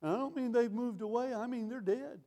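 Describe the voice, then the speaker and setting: A man's voice: very high voice, a little fast, dark tone. A man in his sixties preaching a sermon, reading scripture and asking rhetorical questions in a wry, conversational way. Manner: reads scripture in older phrasing.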